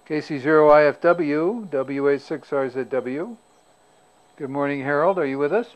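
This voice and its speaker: A man checking in on an amateur radio net, heard over a radio link and speaking in unhurried radio procedure with call signs. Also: a little high. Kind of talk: casual radio net chat. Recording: muffled narrow-band radio audio.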